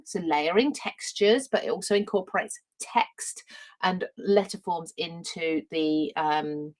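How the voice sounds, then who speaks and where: A woman's voice: mid-range voice, rough recording. A woman with an Essex accent, chatting enthusiastically as she presents her own papercraft collection on a live stream and greets viewers by name. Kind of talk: live-stream product demonstration.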